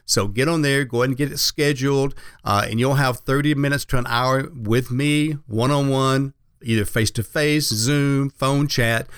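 A man's voice: mid-range voice, fairly bright tone, clean tone, no room sound. Man explaining conversationally, dry close sound. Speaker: financial advisor, radio show regular. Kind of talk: conversational explaining on a radio show.

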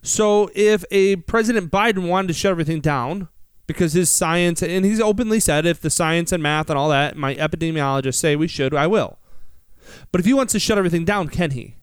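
A man's voice: on the high side, a little fast, clean tone, dry recording, clean studio sound. An American man hosting a financial talk show, explaining conversationally with rhetorical questions and emphatic repetition. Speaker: financial radio show host.

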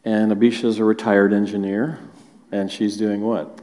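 A man's voice: fairly low pitch, little pitch movement, moderate pace, mellow. A man hosting a church stage interview, friendly and joking as he questions his guests. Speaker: host and church elder. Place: church auditorium. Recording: reverberant hall.

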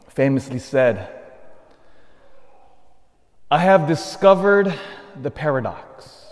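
A man's voice: fairly high pitch, darkish tone. A man, a priest, reading the gospel and preaching with earnest, emphatic repetition, his voice ringing with a long cathedral-like church echo. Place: large church.

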